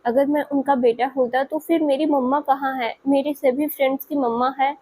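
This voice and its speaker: A woman's voice: sits high, fairly even intonation, moderate pace, dark tone, natural voice. A woman voicing a hurt young boy who is crying and pleading in a spoken story. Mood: tearful. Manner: sobbing, pleading.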